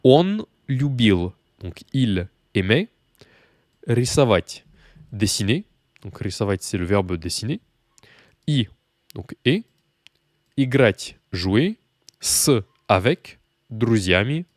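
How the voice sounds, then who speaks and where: A man's voice: lowish voice, lively intonation, takes it slowly, pauses often, no room sound, clean studio sound. A man teaching Russian to beginners in a casual video lesson, chatty with many fillers and asides, talking straight to the learners.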